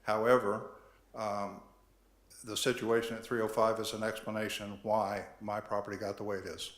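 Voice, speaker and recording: An older man addressing a city board about his property, earnest and measured, reading from his notes. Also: fairly low pitch, little pitch movement, fairly bright tone. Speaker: property owner at hearing. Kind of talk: public comment at board meeting. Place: council chambers. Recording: echoey chamber.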